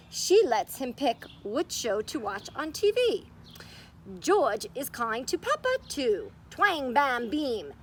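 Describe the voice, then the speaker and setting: A woman with a fairly high voice hosts a children's story time, reading aloud and offering simple, encouraging explanations along with craft instructions. The recording has a little hiss or hum.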